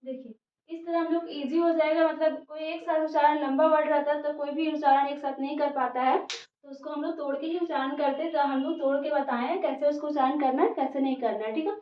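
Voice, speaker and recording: A woman's voice: high voice, fairly even intonation, a little fast. A woman teacher giving an English pronunciation lesson in Hindi, spelling words out letter by letter and checking in with "theek hai" after each step. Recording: muffled, echoey room, voice from a distance.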